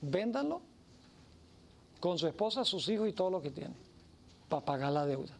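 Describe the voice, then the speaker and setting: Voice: medium pitch, very animated, normal speed, creaky. A preacher voicing a stern king who passes judgment, during a sermon. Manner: grave, commanding. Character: stern male king, judging a debtor.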